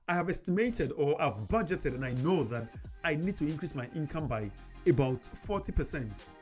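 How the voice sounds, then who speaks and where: A man hosting a personal finance video, talking casually to camera with frequent "you know" fillers. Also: medium pitch. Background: faint background music.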